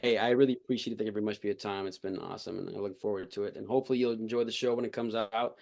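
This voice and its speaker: A man's voice: on the low side, vocal fry, a little mellow. A man speaking as an interview guest, chatting casually in an earnest, appreciative way. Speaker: actor being interviewed.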